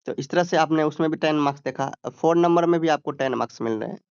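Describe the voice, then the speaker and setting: A man with a Hindi accent teaching an exam-prep lesson, explaining step by step, drawing out English words slowly and checking in with students. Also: fairly high pitch, clean tone, dry recording, dull audio. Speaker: exam tutor.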